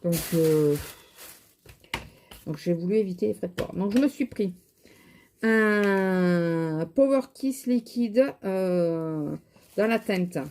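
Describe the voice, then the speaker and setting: A woman's voice: medium pitch, takes it slowly, pauses often, a little mellow. A woman with a regional French accent, chatting casually to camera about her shopping haul and makeup, rambling with many fillers and sounding tired.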